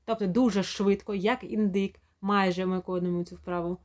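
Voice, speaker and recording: A woman speech therapist walks parents through a home lesson in an even, middle-pitched voice. She explains step by step and stops to act out each sound slowly and clearly.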